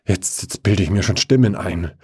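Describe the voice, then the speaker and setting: A man's voice: low voice, moderate pace, darkish tone, husky, no echo, studio quality. A man voicing a nervous young man who stammers and hurries through his words. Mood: panicked.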